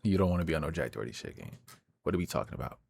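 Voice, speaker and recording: A man's voice: rumbling low, sing-song, rapid-fire, vocal fry, a little mellow, slight background noise. A young man streaming, reacting casually to clips with slang and repeated restarts. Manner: slangy, talks back to the clip, repeats words.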